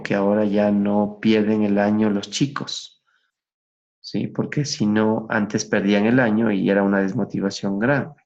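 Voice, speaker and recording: A man's voice: lowish voice, a little mellow, highs cut off. A man teaching a lesson on public speaking over a teleconference, repeating key phrases for emphasis.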